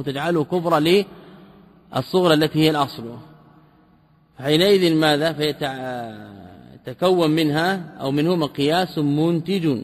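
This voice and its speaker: A man teaching a lesson, reading a classical text passage by passage and explaining it, asking rhetorical questions and repeating key terms slowly. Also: on the high side, in a large hall. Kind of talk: line-by-line commentary lesson.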